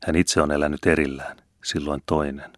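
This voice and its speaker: A man reading a classic novel aloud as an audiobook narrator, measured and earnest. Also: very deep voice, level tone, a bit bright, dry recording, studio quality. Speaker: audiobook reader.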